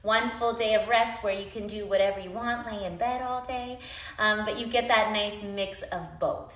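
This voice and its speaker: A woman's voice: medium pitch, fairly bright tone. Upbeat woman yoga teacher, echoey room. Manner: upbeat, chatty and encouraging. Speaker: yoga instructor. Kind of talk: casual instructional vlog.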